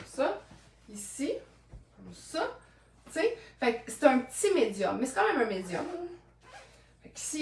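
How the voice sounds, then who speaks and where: Québécois woman, high-ish voice, playful try-on vlogger, heard from a distance off-mic. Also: a little hiss or hum. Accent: Québécois French. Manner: playful, chatty, jokes to herself. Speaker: vlogger showing secondhand clothes. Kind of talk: casual fashion try-on chat. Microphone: camera at a distance. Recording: roomy echo from mic distance.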